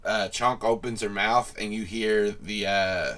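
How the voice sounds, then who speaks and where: A man narrating a tabletop game as game master, playful and quick to laugh. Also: on the low side, fairly even intonation, fairly bright tone.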